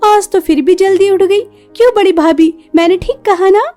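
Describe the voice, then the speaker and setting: A woman's voice: extremely high pitch, steady tone, moderate pace, mellow, soft background music. A woman voicing a cheeky young daughter in a cartoon story, teasing and perky.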